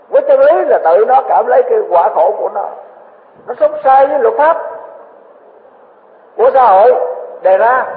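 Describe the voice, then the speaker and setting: Southern Vietnamese male Buddhist teacher, high voice, earnest sermon, tinny hall recording. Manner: earnest, conversational, repeats phrases for emphasis. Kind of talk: dharma talk sermon. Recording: echoey hall on a tinny, phone-like line.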